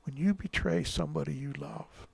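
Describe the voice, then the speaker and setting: A man, a priest, reading the Gospel dramatically and preaching, dropping to hushed whispers at moments of feeling. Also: on the high side, moderate pace, gravelly, slightly rough, no room sound.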